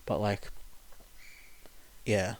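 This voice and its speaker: This amateur podfic narrator talks extremely slowly in a low, level voice. He tells a story with sung verses and then drifts into casual, rambling chat with listeners, staying informal and self-deprecating.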